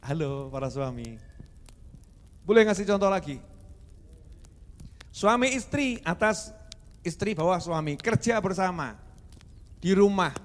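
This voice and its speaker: Man, sermon, animated preaching, fairly high voice, long hall reverb. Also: unhurried, pauses often. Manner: animated, switching into Javanese and acting out prayers.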